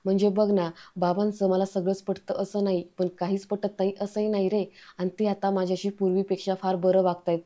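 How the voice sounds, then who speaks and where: A woman's voice: medium pitch, little pitch movement, brisk, warm tone, natural voice. Woman reading as a proud, touchy young wife. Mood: earnest. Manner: defensive, mixes in English. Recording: slightly dull lo-fi audio.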